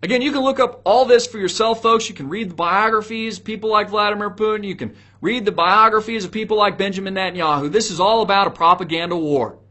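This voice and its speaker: Speaking fast with few pauses, a man with a notably high, pushed, bright voice runs a solo political commentary show online. His tone is opinionated and preachy as he leans into each point and fires rhetorical questions at the people watching.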